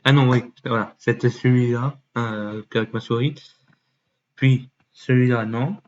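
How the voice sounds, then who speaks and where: A man thinking aloud as he clicks through a website, muttering and swearing under his breath, with many fillers and sudden jumps into a mock high voice. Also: fairly even intonation, unhurried. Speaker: YouTuber. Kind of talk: casual screen-recording commentary. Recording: dull lo-fi mic with faint noise.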